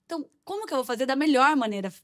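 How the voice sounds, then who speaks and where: A woman's voice: sits high, lively intonation, racing. Woman interview guest, earnest and upbeat, conversational. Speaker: marketing manager guest. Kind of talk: casual interview chat.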